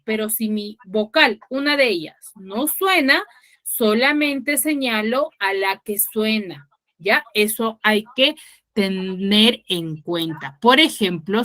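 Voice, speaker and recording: A woman's voice: fairly high pitch, sharp tone. A woman teaching an online class, quizzing her students and explaining step by step with patience. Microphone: video call.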